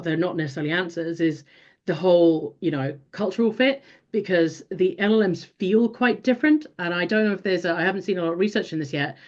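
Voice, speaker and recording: Woman, native Finnish speaker, lowish voice, thoughtful, restarts often, slightly muffled audio. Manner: thoughtful, many restarts and fillers. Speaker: guest, behavioral strategy consultant. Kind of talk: casual interview talk.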